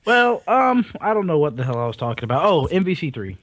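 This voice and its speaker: A man's voice: on the high side, big pitch swings, fast, fairly bright tone, slight background noise. A man co-hosting a casual gaming podcast, rambling and swearing casually with self-deprecating jokes. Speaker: podcast co-host. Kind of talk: casual chat.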